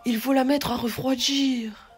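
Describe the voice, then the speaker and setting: A fussy old storybook grandfather, as a woman puts him on, calling out orders loudly. The delivery stays slow. Faint music plays under him. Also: high voice, fairly even intonation, slightly rough, pitched above the performer's own voice. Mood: bossy. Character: fussy old husband from a folk tale.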